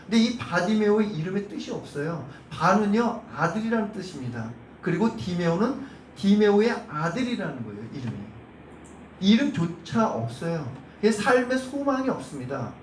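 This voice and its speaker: A high-voiced male pastor delivers an animated Sunday sermon, acting out the shouts of the crowd and putting questions to his congregation. The sound is roomy and comes from a mic some way off in the church, with a faint hum behind him. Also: normal speed, far from the mic. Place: church sanctuary.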